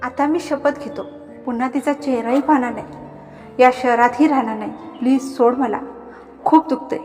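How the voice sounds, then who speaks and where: A woman's voice: high voice, moderate pace, natural voice. Begging male villain, read by a woman. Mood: pleading. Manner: begging, whining. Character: cruel pleading male villain, captive uncle. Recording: reverberant, faint background music.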